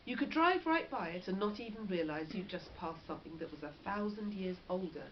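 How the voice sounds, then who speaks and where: A woman with a mid-range voice reads a children's story a little quickly, expressive and animated like a teacher. She slips in short explanatory asides, recorded in dull lo-fi sound with faint noise.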